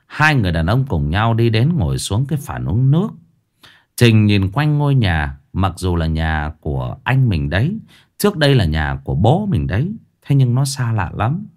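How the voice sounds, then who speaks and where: A man's voice: on the low side, very animated, moderate pace, a little mellow. A man narrating a ghost story expressively, acting out every voice. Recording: faint background music.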